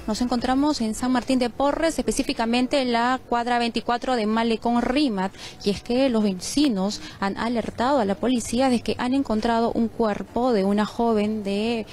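A woman from Peru delivering a live news report from a crime scene, measured and a little halting. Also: a little high, a little mellow, a little hiss or hum. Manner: measured, with frequent fillers. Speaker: field reporter. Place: outdoors on a street at a crime scene.

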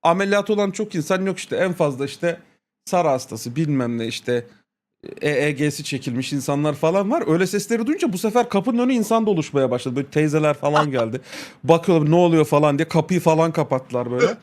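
A man's voice: a little high, lively intonation, quick pace, a little mellow. A man streaming, telling a crude, profane story in casual chat, laughing often and quoting people with repeated "he said".

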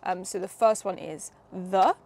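A woman's voice: lowish voice, a little slow, a little mellow, a little hiss or hum. A young woman hosting a casual hands-on demo, chatting and explaining each step with a few fillers. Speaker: host.

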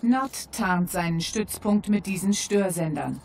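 An actress playing a composed battlefield computer announcer in a video game, measured and formal. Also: female voice, on the low side, darkish tone. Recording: game battle noise behind.

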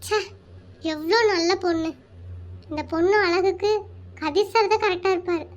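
A performer voicing a caring young woman colleague in a comic cartoon, speaking gently and sympathetically. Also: very high voice, moderate pace, lo-fi sound. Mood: concerned.

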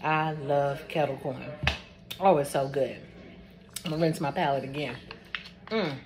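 A woman's voice: sits low, measured pace. Chatty woman vlogging a food tasting. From Georgia, US. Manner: chatty, tastes on camera with mouth full. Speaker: cooking channel host. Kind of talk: casual food-tasting vlog. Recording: audible background noise.

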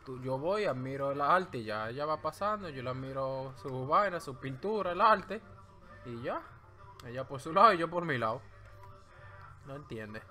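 A man with a Dominican accent chats at home into a desk mic while he draws live, joking and rambling as he goes. His voice sits at an ordinary middle pitch, and clear music plays behind him. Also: lively intonation, normal speed, pushed and bright. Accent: Dominican Spanish. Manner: playful, rambling, jokey. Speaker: streamer drawing live. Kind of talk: joking running commentary while drawing. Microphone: desk microphone.

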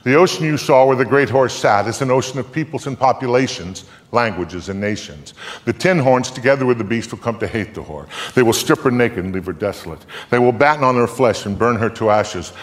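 An older man performs a live, theatrical recitation of scripture from a theatre stage, with an audience watching. His delivery is solemn, deliberate, emphatic and animated, building from hushed tones to booming ones. The recording carries the long reverb of an echoey hall.

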